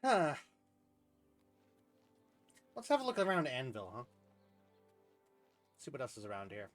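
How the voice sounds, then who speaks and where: A man's voice: mid-range voice, huge pitch swings, measured pace, a bit bright, faint music behind. A man streaming a game, chatting casually and thinking aloud, often trailing off mid-sentence. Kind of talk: casual gameplay commentary.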